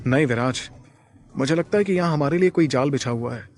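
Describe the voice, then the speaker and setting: A man's voice: mid-range voice, a little fast, darkish tone, voice pushed up, natural voice. A man voicing a cautious young male hero in an audio drama, calling out urgent warnings. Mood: tense.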